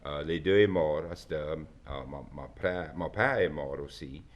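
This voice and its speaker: A man from Louisiana, answering interview questions in halting, plain-spoken with restarts. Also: rumbling low. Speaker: guest. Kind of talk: casual conversational interview.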